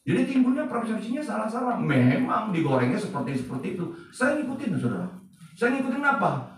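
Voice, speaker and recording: A man preaching a sermon as pastor, lively and casual, asking the congregation questions as he goes. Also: high voice, brisk, heavy reverb, distant mic, rough recording. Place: church service.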